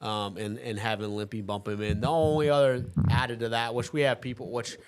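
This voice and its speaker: A man's voice: mid-range voice, fairly even intonation, fairly quick, clear, resonant tone. A man hosting a casual talk show, easygoing, laughing often and talking with plenty of fillers and restarts. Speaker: host. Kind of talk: casual chat.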